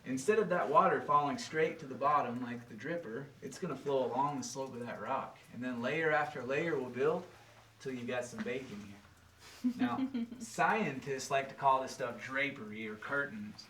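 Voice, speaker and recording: A man's voice: mid-range voice, lively intonation, moderate pace, sharp tone. A man working as a cave tour guide, explaining things to his group in an informal, folksy way and addressing them directly. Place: inside a large cave. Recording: echoey cave, distant mic, faint noise.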